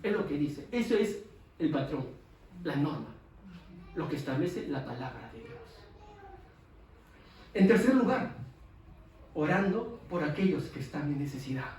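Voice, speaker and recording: A man's voice: a little high, expressive, a little slow, pauses often, darkish tone. A man preaching a sermon as pastor, emphatic and repetitive. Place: church. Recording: echoey church hall from a distance, faint noise.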